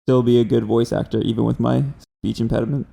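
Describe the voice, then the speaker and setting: A man in his twenties co-hosting a podcast, chatting casually with dry, deadpan jokes. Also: mid-range voice, fast talker, gravelly. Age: 20s. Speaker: podcast co-host. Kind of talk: casual chat.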